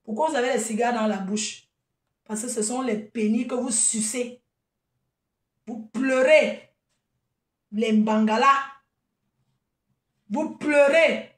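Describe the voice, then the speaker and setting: A woman with a high voice holds forth in an unscripted live video, scolding her critics and then turning chatty and full of laughter. She sits back from the mic, and the room around her rings. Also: fairly even intonation, normal speed, a bit bright, reverberant, distant mic. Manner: chatty and laughing, calls listeners "maman". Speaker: event planner and vendor.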